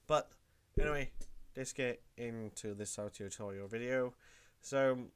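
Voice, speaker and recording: Recording a laid-back tutorial vlog in his room, a Welsh YouTuber fighting a cold meanders and repeats himself. The voice is mid-range and smooth, moving a little slowly.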